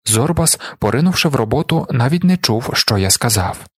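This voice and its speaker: A man narrating an audiobook in a steady, measured way. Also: mid-range voice, breathy edge, no room sound, clean studio sound.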